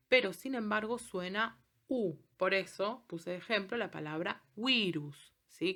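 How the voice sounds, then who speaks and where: A woman teacher giving a recorded class. She explains step by step, slows down on example words and keeps checking in with her students. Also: fairly low pitch, fairly bright tone. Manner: patient, checks in with frequent "¿sí?". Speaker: Latin teacher. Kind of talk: recorded online class lesson.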